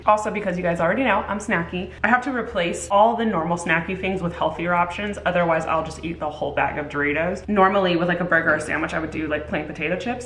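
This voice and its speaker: Lady vlogger just chatting to the camera, kinda low voice, lots of "like", noisy background. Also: fairly bright tone. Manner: chatty, filler-heavy with frequent "like". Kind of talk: casual chat to camera.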